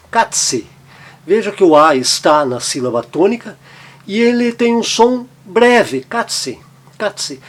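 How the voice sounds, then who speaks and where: Husky-voiced man teaching pronunciation. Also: fairly high pitch. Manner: explanatory, repeats example words slowly. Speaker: German language teacher. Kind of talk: pronunciation lesson.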